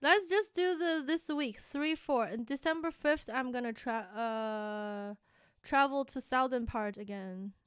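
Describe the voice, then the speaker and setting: Bright, clear-voiced woman streamer. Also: on the high side, a little slow, dry recording, studio quality. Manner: chatty and giggly, many fillers, musing over English words. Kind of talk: casual live-stream chat.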